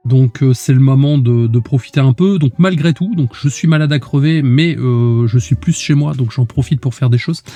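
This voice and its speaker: A man's voice: medium pitch, moderate pace, few pauses, mellow, soft background music. A man co-hosting a podcast in casual chat, with a nasal, congested voice from illness, rambling with many fillers. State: sick, congested voice. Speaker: podcast co-host.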